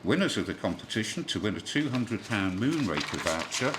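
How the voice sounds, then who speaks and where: A man whose voice is on the low side and sing-song reads a little fast, delivering a scripted amateur radio news bulletin as newsreader. Occasional slips creep in, and callsigns are given in the phonetic alphabet. Reception is a clearly noisy shortwave signal.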